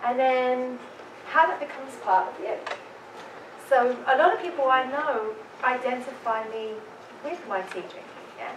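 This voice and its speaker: Her voice is high and lively in intonation, though she speaks a little slowly: a Londoner from England hosting a panel and engaging the crowd with questions in a chatty way. She's heard from a distance in a spacious event room with an audience, against background noise.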